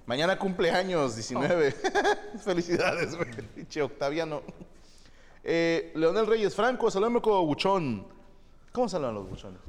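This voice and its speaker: A man's voice: fairly high pitch, very animated, unhurried. A man, co-hosting a podcast, teasing and reading out listener greetings in casual banter. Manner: teasing, reads listener shout-outs. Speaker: podcast co-host. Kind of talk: joking casual chat. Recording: reverberant room.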